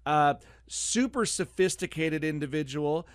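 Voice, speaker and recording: A middle-aged man hosts a radio talk show in the studio, his voice sitting a little high for a man. He rambles along with jokes and plenty of "uh"s. The sound is close and dry, with no room in it. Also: animated, unhurried, clear, resonant tone, dry recording. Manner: rambling, joking, many fillers. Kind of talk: casual on-air chat.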